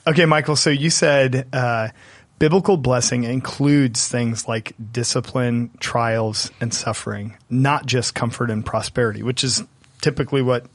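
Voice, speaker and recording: A man with a gravelly, fry-tinged voice co-hosts a casual podcast and asks his guest questions. He sounds dry and close to the mic, and he keeps nodding along with short agreements. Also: medium pitch, steady tone, normal speed, dry recording. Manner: affirming, frequent short agreements. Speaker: podcast co-host, interviewer.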